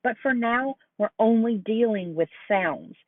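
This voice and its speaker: A woman giving a recorded lecture on early reading skills, slowing down to model sounds and words carefully. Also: on the high side, expressive, no room sound. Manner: slow, deliberate modeling of sounds. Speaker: teacher educator. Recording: dry, phone-like lo-fi audio.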